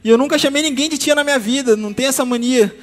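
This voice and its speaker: A young man from Brazil telling his testimony to a church, lively and humorous, turning often to address the congregation. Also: extremely high pitch, fast. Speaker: testimony speaker. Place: church hall. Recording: long hall reverb, soft guitar music.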